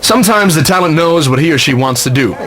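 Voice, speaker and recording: A man giving scripted promotional narration about his own career, in measured, polished announcer phrasing. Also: on the high side, lively intonation, slight background noise. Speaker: ringmaster presenting own career reel. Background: loud music.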